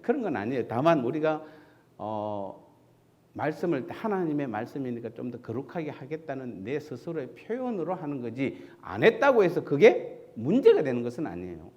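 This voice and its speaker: In a church sanctuary, a Seoul-born pastor delivers a sermon in a conversational style, asking the congregation questions and then supplying the answers. His voice sits high and sounds a little mellow.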